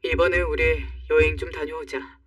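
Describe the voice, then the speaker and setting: A woman doing a low, firm middle-aged dad. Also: steady tone, normal speed, dry recording, clean studio sound, far from the mic. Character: calm, determined middle-aged father.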